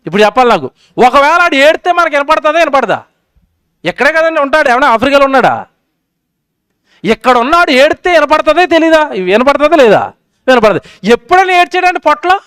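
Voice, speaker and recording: Male preacher, high clear voice, questioning his crowd with a dry, close sound. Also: no room sound. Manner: questioning the crowd, swinging between loud and soft. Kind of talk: sermon at a public meeting. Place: public meeting.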